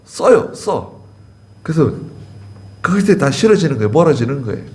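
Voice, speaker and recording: A man's voice: fairly high pitch, big pitch swings, normal speed, a little mellow. A man pastor preaching a sermon in a conversational way, repeating key words and asking the congregation questions. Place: church sanctuary.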